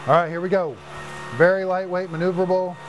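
His voice sits high and level, a little fast, with background noise around it. He's a product reviewer in his fifties, losing his voice as he chats eagerly and repeats words while showing cleaning gear on a live stream in his home studio full of vacuum shelves.

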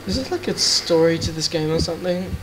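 A man's voice: on the high side, expressive, fast, a little hiss or hum, rough recording. Jittery swearing young man gaming. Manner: nervous, swearing, jumpy. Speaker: gamer playing with a friend. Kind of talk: casual let's-play chat. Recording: game music loud behind voice.

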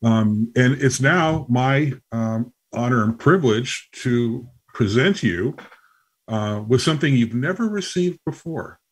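A man's voice: mid-range voice, animated, measured pace, breathy edge. A man, the president of a society, formally presenting an honorary award by reading out a citation. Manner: formal, reads a prepared citation.

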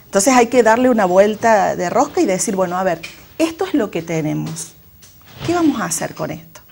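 A woman's voice: mid-range voice, animated, fairly quick, gravelly, a little mellow, slight background noise. A woman with an Argentine accent, a school director, giving thoughtful interview answers full of fillers and restarts. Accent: Argentine Spanish.

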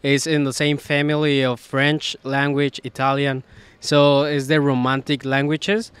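A man's voice: medium pitch, little pitch movement, measured pace, a bit bright, smooth, no echo. A man from Mexico, hosting an interview in a chatty, storytelling way. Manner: conversational, storytelling. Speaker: podcast host. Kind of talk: casual interview chat.

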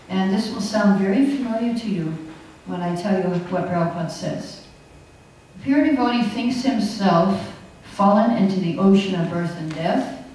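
Warm in tone and mid-range in pitch, an older woman laughs often while teaching a chatty, anecdotal scripture class. Her podium mic stands in an echoey indoor hall, the sound is picked up from afar, and there's a little hiss or hum.

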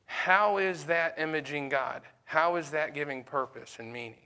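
A man's voice: on the high side, normal speed, pushed and bright, smooth. A man, a pastor, teaching a Sunday school class in a conversational way and often putting questions to the class. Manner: conversational, with fillers.

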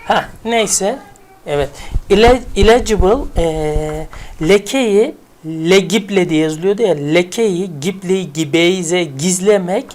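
A woman's voice: on the low side, slow, darkish tone. A woman teaching English vocabulary in a casual, chatty way, repeating words and building memory tricks. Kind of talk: casual spoken lesson.

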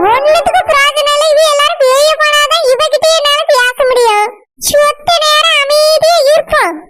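A woman voicing a scheming village mother who fakes illness, muttering her thoughts slowly in Tirunelveli Tamil for a cartoon. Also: very high voice. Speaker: cartoon character. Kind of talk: cartoon inner monologue. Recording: loud background noise.

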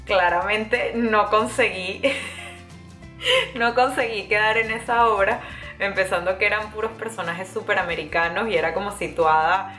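A young woman from Venezuela with a Venezuelan accent, telling a casual story to camera in a chatty, animated way with many fillers and restarts. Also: medium pitch. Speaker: vlogger. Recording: echoey room, faint music behind.

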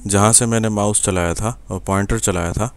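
Sitting at his desk, a young man from Pakistan teaches software in a screen-recorded tutorial, speaking with an Urdu accent in a very deep, smooth, resonant voice. His tone stays steady as he moves patiently through each step, using fillers and checking that the viewer is following.

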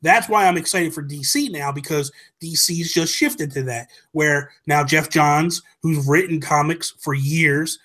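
In casual, opinionated podcast chat, a middle-aged co-host hammers his points home and repeats them for emphasis. His fairly high voice is unhurried, pushed and bright, with few pauses. He's in a small home room, using a desk mic and headset headphones.

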